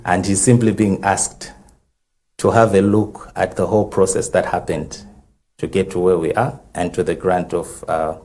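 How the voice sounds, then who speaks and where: A man with a Zambian English accent, speaking as legal counsel on a TV panel and methodically recounting a timeline with many pauses and fillers. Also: low voice, level tone, warm tone. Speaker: legal counsel for a conservation group. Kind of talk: studio TV panel discussion.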